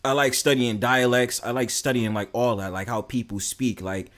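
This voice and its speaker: With a medium-pitched, slightly bright voice and fairly even intonation, a young man from New York City speaks at a moderate pace to his stream. He has a New York accent and rambles bluntly, using lots of fillers and cursing freely.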